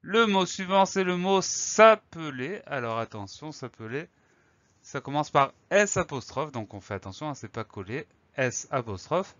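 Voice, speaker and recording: A man teaching a spelling lesson, calmly explaining words and spelling them letter by letter. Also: fairly high pitch, moderate pace, no echo, lo-fi sound.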